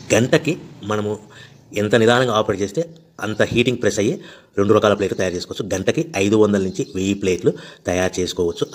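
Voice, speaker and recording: Fast-talking Rayalaseema Telugu man, low voice. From Andhra Pradesh, India. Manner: repetitive, formulaic announcing. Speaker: machine seller demonstrating equipment. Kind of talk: product demonstration.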